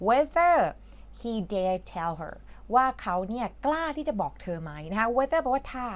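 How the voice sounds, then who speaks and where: Speaking slowly but very animatedly in a fairly high voice, an English teacher from Thailand walks through a reading lesson. She's patient and chatty, with lots of fillers.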